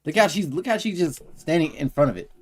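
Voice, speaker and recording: A man reacts to a clip on his stream, full of slang and disbelieving jokes. His pitch swings up and down a lot, and a faint hiss sits under his voice. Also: animated, fast. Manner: slangy, incredulous, joking asides. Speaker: livestream reaction host. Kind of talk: casual reaction commentary. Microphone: earphones on, desk setup.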